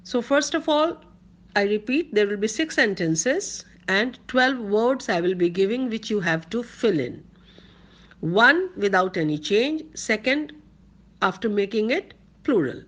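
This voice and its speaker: A woman with an Indian English accent giving a college grammar lecture, dictating slowly and repeating each point so students can take notes. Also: mid-range voice, expressive, fairly bright tone. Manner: slow, deliberate dictation, repeating words for note-taking.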